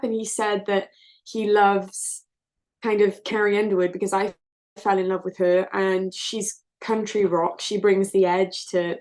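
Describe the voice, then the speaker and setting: Earnest and open, a South Welsh singer-songwriter in her 20s reflects on her story while answering interview questions. Her voice sits in the mid-range with a darkish tone.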